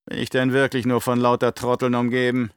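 A man's voice: mid-range voice, monotone, a little fast, smooth, no room sound, clean studio sound, natural voice. A man voicing a bellowing tyrant baron. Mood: sneering. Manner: barks angry questions, sneers in thought. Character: cruel scheming obese male baron, a tyrant. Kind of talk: audiobook reading.

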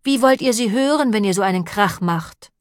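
A woman's voice: mid-range voice, expressive, moderate pace, no room sound, studio quality, lightly acted. A woman voicing a clever female sheep who scolds the flock in a firm, reproving tone. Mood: scolding.

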